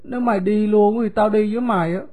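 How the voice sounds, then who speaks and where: A woman doing a soft-spoken poor young boy. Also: mid-range voice, fairly even intonation, fast talker, close to an everyday voice. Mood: confiding. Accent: Southern Vietnamese. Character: poor scolded young boy Hồi, gentle and hopeful.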